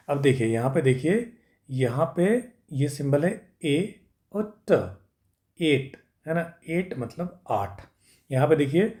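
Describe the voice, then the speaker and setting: A man's voice: fairly high pitch, darkish tone. A man teaching English pronunciation, sounding words out sound by sound and checking in with his students after each point. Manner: patient, drawn-out syllable by syllable sounding out. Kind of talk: spoken English lesson.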